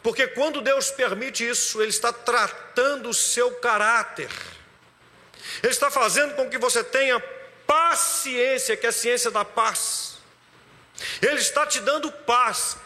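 A man preaching a sermon as a pastor, dropping to a hush and then rising loud again. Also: extremely high pitch, measured pace, big-room sound. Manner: preaching, swings from hushed to loud. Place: church.

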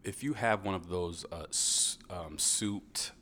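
A man with a very deep voice banters on a casual podcast, swearing freely and jumping in with jokes and his own suggestions. A faint hiss of noise sits under his voice. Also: slow, sharp tone. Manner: profane, joking, interjecting. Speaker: podcast co-host. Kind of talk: casual chat.

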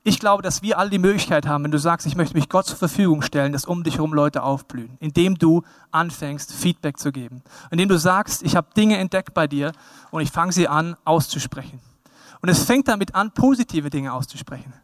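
A man in his thirties from Bavaria, preaching a sermon with a slight tinge, animated and often acting out the people he quotes. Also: on the high side, a little fast, no room sound, clean studio sound. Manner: lively, animated, acts out quoted people in raised voice. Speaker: pastor.

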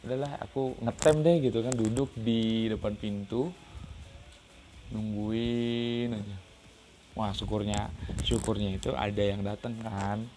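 A man's voice: on the low side, little pitch movement, measured pace, dark tone, a little hiss or hum. A man from Riau chatting casually about his travels for his podcast, rambling with many fillers and restarts. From Riau, Indonesia. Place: second-floor balcony outdoors.

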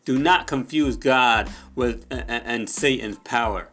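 A man preaching an impassioned sermon, emphatic and repetitive, who sometimes slips into soft prayer in Spanish. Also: medium pitch, slow, faint music behind.

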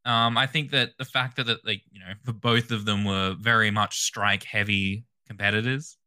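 A man co-hosting a casual podcast chat, measured, with dry remarks. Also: fairly low pitch, fairly even intonation, bright, forceful tone. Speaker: podcast co-host.

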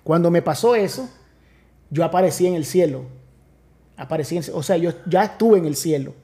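Man, pastor guest, high mellow voice, earnest testimony storyteller. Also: fairly quick. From Nicaragua. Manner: earnest storytelling, many restarts. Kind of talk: testimony in casual conversation.

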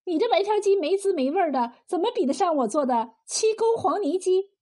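A woman voicing a clever young woman innkeeper in a told story, talking in a brisk, lively, teasing way. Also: extremely high pitch, voice pushed up. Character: sly, quick-witted young woman innkeeper.

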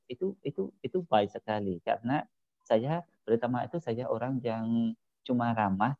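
A former foreign student from Cambodia, whose first language is Khmer, speaks Indonesian as a foreigner in a casual interview. His mid-range voice uses halting, simple phrases with repeated words. The audio has no echo but sounds narrow and tinny.

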